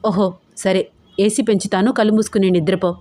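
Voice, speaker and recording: A woman's voice: medium pitch, fairly even intonation, a little fast, warm tone, dry recording, natural voice. A woman voicing a teasing, playful young husband in a romantic audio story, with a cajoling manner.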